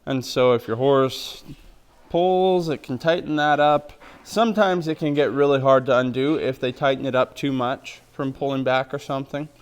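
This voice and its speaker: A man, a horse trainer, calmly explaining knots step by step in a plain, practical way. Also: medium pitch, normal speed, smooth. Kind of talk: instructional demonstration.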